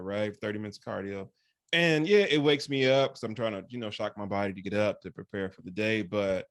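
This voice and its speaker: A man with a fairly low voice hosts a casual interview, recorded dry with little room sound. He keeps affirming his guest with quick "right"s, and his questions ramble loosely before they land. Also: no echo. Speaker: podcast host.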